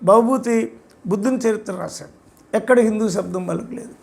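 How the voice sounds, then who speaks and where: A man's voice: high voice, normal speed, gravelly. An older man giving an emphatic, repetitive spoken lecture about his own book. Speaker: author discussing his book.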